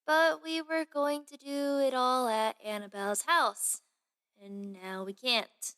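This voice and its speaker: Playing a young woman of the palace with a taste for gossip, the actress uses a high, expressive voice with a clean tone. Chatty, excitable and theatrical, she speaks slowly in a confiding yet insistent mood, in a fantasy audio drama.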